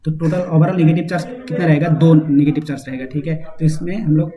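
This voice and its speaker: A man's voice: on the high side, fairly even intonation, fast, dark tone. A man teaching a chemistry lesson, explaining step by step and mixing in English terms. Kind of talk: whiteboard lecture. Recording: slightly dull audio with faint hiss.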